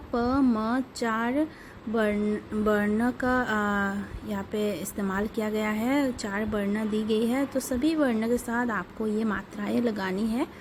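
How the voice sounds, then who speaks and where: Slow patient lady teacher going over sounds for kids, kinda high voice, faint hiss behind. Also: poor audio. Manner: patient, repeats words and sounds slowly for pupils. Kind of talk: online class lesson for children.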